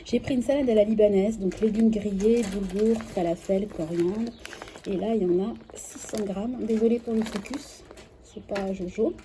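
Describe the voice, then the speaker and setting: A woman's voice: mid-range voice, fairly even intonation, normal speed, mellow. Chatty French woman unboxing groceries. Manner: chatty, self-correcting, many fillers. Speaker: vlogger. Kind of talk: casual unboxing vlog. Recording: clear background noise.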